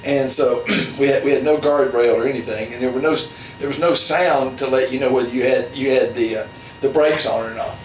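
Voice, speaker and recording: A man's voice: fairly even intonation, brisk. Older man telling family stories in a rambling way, with dry asides. He sits well off the mic in an echoey room with faint hiss, on a poor stream. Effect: low-quality stream audio. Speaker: family storyteller. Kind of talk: casual reminiscing. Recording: distant, echoey room, faint background noise.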